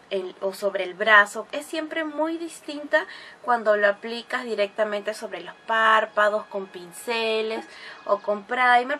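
With a fairly high, bright, and forceful voice, this woman walks through a makeup tutorial step by step in a chatty way. She's a beauty vlogger who bursts into gushing praise for the products, and a little hiss or hum sits under the recording.

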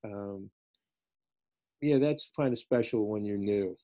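A man's voice: lowish voice, takes it slowly, muffled recording. A man on a video call, telling a story in a rambling way with hesitant fillers. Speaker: small group participant.

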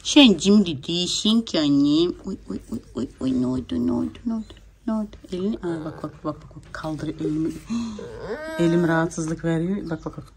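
A woman's voice: on the low side, lively intonation, a little fast, creaky, warm tone, a little hiss or hum. A young woman filming a casual home vlog, often slipping into sing-song baby talk with her little daughter. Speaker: vlogger.

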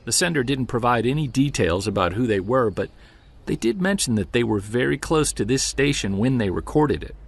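With a mid-range, expressive voice at a fairly quick clip, a man portrays an earnest amateur monster hunter in a naturalistic audio drama. The character is a driven, wry, self-deprecating Bigfoot investigator.

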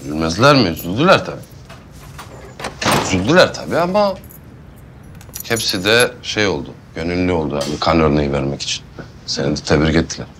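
A man's voice: low voice, animated, fairly quick, pauses often, noisy background. An actor playing a doting, teasing husband and father with a playful way of talking. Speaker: husband and teacher. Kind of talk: TV drama acting.

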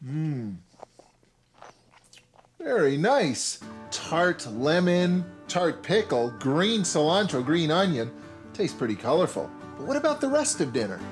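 Speaking slowly in a high-leaning voice with big pitch swings, a man in his thirties presents a scripted cooking show. He guides viewers through each step from a home kitchen and a supermarket in a bright, teaching manner with playful asides, and faint music sits in the background.

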